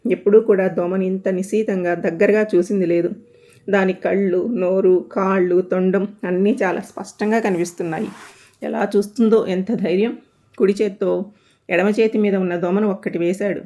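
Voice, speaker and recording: A woman storyteller reads a comic short story aloud at a middle pitch. Her delivery is steady and expressive, like a narrated storybook. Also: normal speed.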